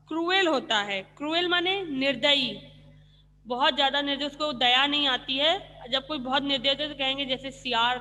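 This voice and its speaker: Bright-voiced woman teacher, echoing room. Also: high voice. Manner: explains patiently, asks questions and answers them herself. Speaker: school teacher. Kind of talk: online class lesson explaining vocabulary.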